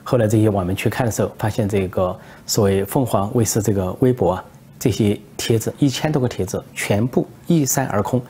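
Man, low mellow voice, husky, unhurried storyteller, political commentary. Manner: relaxed storytelling with frequent hesitations.

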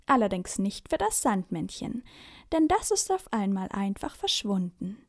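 A woman narrating a children's bedtime story in a clear storytelling manner. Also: mid-range voice, very animated, measured pace.

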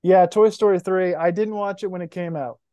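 A man's voice: high-pitched, fairly even intonation, fairly quick, mellow, clear, resonant tone, no echo, studio quality. A young man co-hosting a podcast, chatting casually and with feeling about movies. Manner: emotional, enthusiastic about films. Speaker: podcast co-host. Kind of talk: casual chat.

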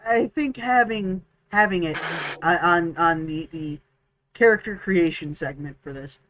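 Casting: high-pitched man, podcast co-host, halting and rambling, dry close mic. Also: a bit bright, no room sound, poor audio. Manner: rambling, halting, with many restarts and fillers. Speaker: podcast co-host, dungeon master. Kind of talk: casual chat.

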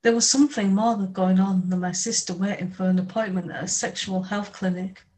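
A woman narrates a first-person audiobook chapter in a steady, measured voice. Her pitch sits at a middling, everyday level for a woman. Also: rough recording.

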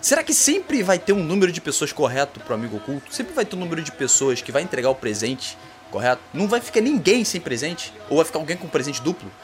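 A Brazilian Portuguese-accented man rants at speed in a comedy monologue, swearing freely as he goes. His pitch leaps around expressively and sits a bit high for a man. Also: fast talker, soft background music. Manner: profane, animated ranting. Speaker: comedy podcast host.

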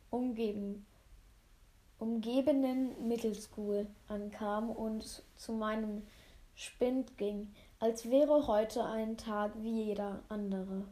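A woman's voice: a little high, mellow. A woman reading a novel aloud in German as an unpolished amateur audiobook, often stumbling and re-reading phrases. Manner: unpolished, frequent slips and re-reads of phrases. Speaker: reader of a novel.

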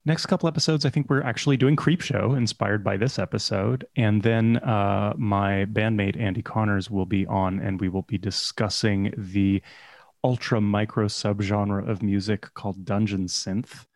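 A man with a low, gravelly voice makes his points slowly and deliberately in a laid-back podcast conversation. The sound is dry and close to the mic. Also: fairly even intonation, no room sound. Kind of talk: casual roundtable chat.

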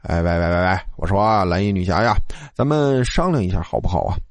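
Man voicing a cheeky student, low grumbling voice, blunt. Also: expressive, fast talker, no room sound. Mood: coaxing.

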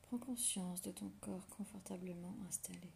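A woman whispers a guided meditation right in the listener's ear, low and creaky. She gives slow, soothing relaxation cues with long pauses between them. There is faint noise behind her voice. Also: a little mellow.

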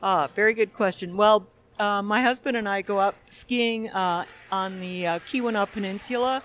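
A woman's voice: mid-range voice, normal speed, fairly bright tone. Woman film director in casual interview. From Quebec, Canada. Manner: thoughtful, frequent uh fillers. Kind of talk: conversational interview. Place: film festival.

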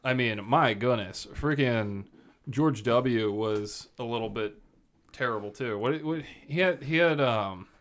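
A man's voice: medium pitch, a bit bright. Joking, sarcastic podcast host man. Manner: joking, sarcastic, quick asides. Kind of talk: casual chat.

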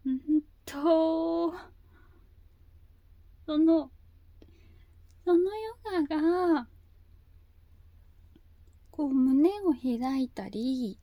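Woman w high cutesy anime girl voice, super slow n halting casual chat, dry close sound. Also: dry recording, dull audio. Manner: hesitant, halting, often repeating herself. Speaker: video host.

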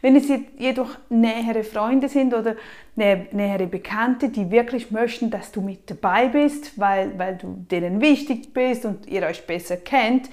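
A woman's voice: a little high, measured pace. Emphatic woman with a lilt. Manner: emphatic and lively, with frequent soft drops in volume. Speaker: personal finance advice vlogger. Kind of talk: casual advice talk to the viewer.

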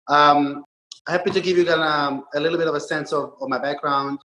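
A man's voice: a little high, a little fast, roomy sound, low-quality recording. A man from Israel in his thirties, a podcast guest talking casually with many ums and uhs. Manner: relaxed, frequent ums and uhs. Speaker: podcast guest, startup investor. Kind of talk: conversational interview.

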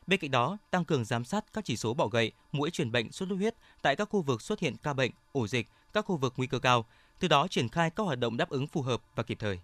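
A man reads scripted news bulletins as a radio presenter. His voice sits at a medium pitch, and his delivery is formal and measured. The recording is dry, without room sound. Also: lively intonation, a bit bright, no echo.

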